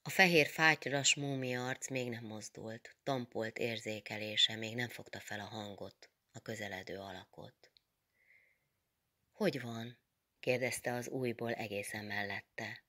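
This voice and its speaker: A woman reading a literary novel aloud in a measured, expressive way. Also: very deep voice. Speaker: reader.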